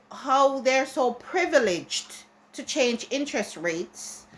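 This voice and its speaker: A woman with a fairly high, somewhat bright voice rants chattily to her viewers about her opinions. She's an adult Jamaican vlogger who keeps restarting and repeating herself in this casual monologue.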